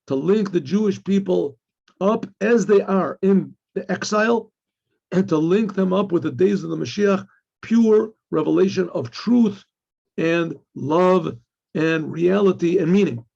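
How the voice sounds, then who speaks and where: In a dull, lo-fi recording, a male rabbi teaches a religious lesson, working through a text hesitantly with repeated phrases and rhetorical questions. His high-pitched, mellow voice is also husky and gravelly, broken up by frequent throat-clearing.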